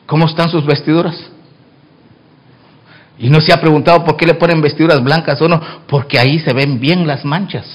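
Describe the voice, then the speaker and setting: A man preaching a sermon as pastor in church, swinging from hushed asides to loud exclamations and acting out both sides of the dialogues he tells. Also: fairly high pitch, fairly even intonation, a little fast.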